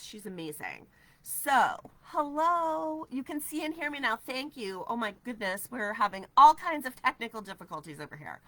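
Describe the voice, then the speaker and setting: A woman in her forties from New Hampshire, USA, fights a stuffy head cold while chatting upbeat on a casual craft livestream, answering viewer comments from her studio lined with shelves of ribbon. Her voice sits a little high with a sharp tone, picked up by a camera at desk distance.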